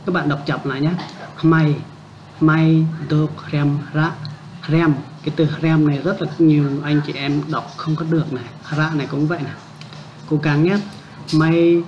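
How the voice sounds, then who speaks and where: A man teaching a casual language lesson. He patiently repeats words slowly and keeps checking that listeners understand. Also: on the high side. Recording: dull lo-fi with faint background noise.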